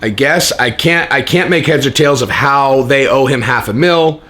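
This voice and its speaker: A man hosting a fight commentary channel, ranting in a casual, profane, animated way with incredulous rhetorical questions. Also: medium pitch, moderate pace. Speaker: host of an MMA commentary channel.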